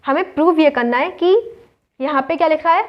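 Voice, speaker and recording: Indian-accented woman teacher, high-pitched, walks through sums asking herself questions, muffled lo-fi recording. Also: a little fast. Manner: explains step by step, asks and answers her own questions. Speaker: maths teacher. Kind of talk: whiteboard maths lesson. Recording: dull lo-fi recording.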